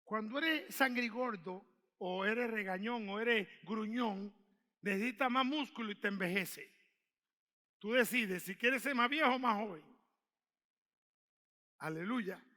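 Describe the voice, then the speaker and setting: A male pastor preaches with fire, swinging between shouted calls and quieter asides that draw the congregation into call-and-response. His voice sits very high for a man and sounds extremely bright and piercing. The long reverb of a church hall trails behind every phrase. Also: measured pace. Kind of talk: sermon.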